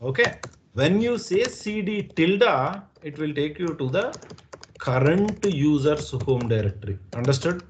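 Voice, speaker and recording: A man's voice: a little high, expressive, unhurried. Indian guy teaching a class online, patient, keeps asking understood?, bit of hiss. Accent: Indian English. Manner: patient, repeats and checks understanding. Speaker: instructor.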